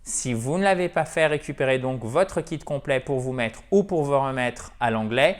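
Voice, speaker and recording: A man giving an online English lesson, explaining slowly and checking in with "ok?". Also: mid-range voice, expressive. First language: French. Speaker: English teacher.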